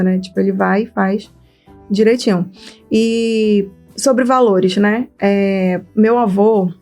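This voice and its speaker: A Brazilian woman with a medium-pitched voice and some vocal fry co-hosts a podcast for mothers. She chats casually in a Brazilian Portuguese accent, telling stories with animation and acting out family dialogue.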